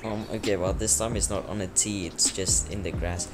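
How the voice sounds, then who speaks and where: With a low-pitched voice, fairly even intonation, and a moderate pace, a young Afrikaans speaker rambles through his gameplay. The game YouTuber's filler-heavy voice-over competes with loud game music.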